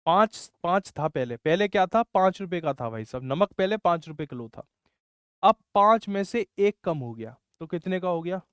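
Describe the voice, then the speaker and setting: A man's voice: sits high, animated, moderate pace, fairly bright tone, clean tone, no room sound, clean studio sound. A man teaching a maths class online, explaining step by step and scolding students who get stuck. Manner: scolding, explains step by step, says bhai often.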